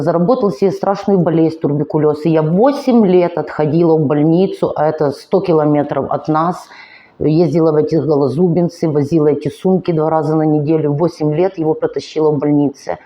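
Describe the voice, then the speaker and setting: A vlogger in her 40s from Ukraine, her voice sitting low, opens up about her life in a personal monologue while the highs are cut off. She's weary and labors to speak, sounding earnest, emotional, slow and halting.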